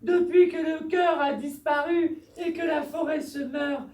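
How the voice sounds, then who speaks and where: A young male forest creature , voiced by a woman, with a very high voice, dragging out each word in a sighing, whimpering manner. He is funny but fretful. The sound is roomy and picked up from a distance. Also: steady tone, a little slow, darkish tone. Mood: worried, tearful. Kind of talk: live children's story theatre. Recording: roomy hall, distant mic.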